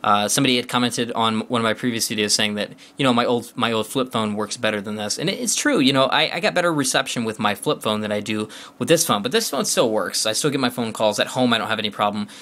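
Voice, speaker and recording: A man with a bright, forward voice walks through a phone's features in a casual demo. He talks along as he taps, loose and chatty, full of uh's and restarted sentences. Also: mid-range voice, fast, hardly any pauses. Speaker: phone reviewer.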